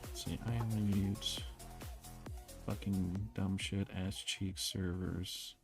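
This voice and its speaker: A man's voice: low voice, little pitch movement, slow pace, vocal fry, over music. A man hosting an art stream, chatting casually while he draws, laid-back, laughing often and swearing freely.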